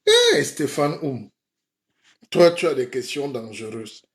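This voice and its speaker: This is a comic self-styled spiritual guide giving a playful live-stream mock sermon, his medium-pitched voice slow and swinging hugely in pitch. He keeps asking his audience "hein?" as a rhetorical flourish.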